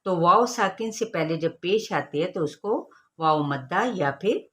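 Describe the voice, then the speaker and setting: A woman teaching a recitation lesson, explaining each sound patiently and then modeling it in slow, drawn-out chanting. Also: on the low side, expressive, fairly bright tone.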